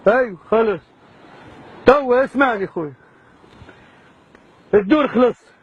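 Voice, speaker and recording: A man's voice: very high-pitched, animated, measured pace, dull audio, a little hiss or hum. A man, a hidden camera prankster who coaxes his victim with repeated reassurances. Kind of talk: coaxing, then apologetic.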